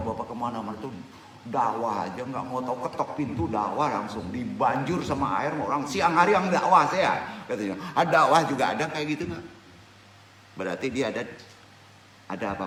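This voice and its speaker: Animated older preacher, echoey hall. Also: male voice, on the low side, slight background noise. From West Sumatra, Indonesia. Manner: animated, joking, quizzes the audience. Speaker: religious teacher. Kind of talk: informal religious study lecture. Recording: echoey hall recorded from a distance.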